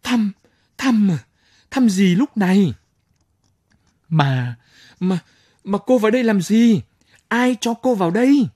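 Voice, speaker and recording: A man's voice: sits high, lively intonation, takes it slowly, pauses often, slightly rough, no echo, clean studio sound, voice pushed up, heavily acted. A man voicing an angry male army company commander who fires off outraged questions. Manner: shouting, sharp, outraged questions.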